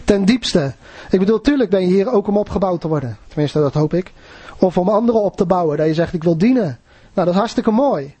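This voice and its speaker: A man delivers a sermon in a husky, fairly high voice. He speaks earnestly and conversationally and keeps turning questions back to his listeners. The sound is close and dry, with no room around it. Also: lively intonation, fast, warm tone, dry recording. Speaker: preacher.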